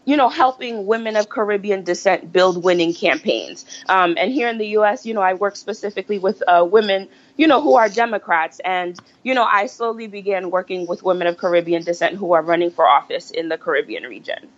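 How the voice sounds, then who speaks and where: A woman's voice: mid-range voice, a little fast, hardly any pauses. A woman from New Jersey talking as a podcast guest about political organizing, explaining her points and often checking in with "right?". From United States (New Jersey). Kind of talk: casual conversation. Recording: dull, muffled audio.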